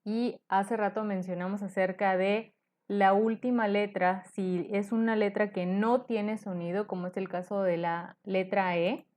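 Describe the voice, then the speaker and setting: A woman takes her students through a lesson at an unhurried, deliberate pace. She explains each point patiently and keeps checking in with a quick "ok?". Her voice sits at an ordinary middle pitch. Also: steady tone, a little mellow. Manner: slow, patient, asks "ok?" after nearly every phrase. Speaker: English teacher.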